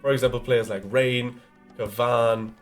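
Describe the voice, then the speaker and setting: A man's voice: mid-range voice, steady tone, a little slow, faint music behind. A man casting a live esports stream, chatty and easygoing, with frequent "um" fillers. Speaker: esports caster.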